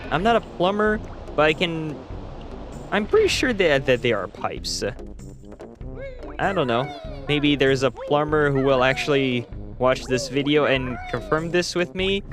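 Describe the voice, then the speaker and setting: A man's voice: on the high side, expressive, measured pace, over music. A man hosting a gaming video, chatting casually and rambling uncertainly with lots of fillers. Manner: rambling, unsure, many fillers. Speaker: gaming channel host. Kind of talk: casual gameplay commentary.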